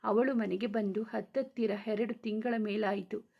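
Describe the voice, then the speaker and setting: A woman voicing a spirited young wife in a storybook reading, affectionate yet sharp-tongued. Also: medium pitch, steady tone, a little slow, creaky, muffled recording. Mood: stern.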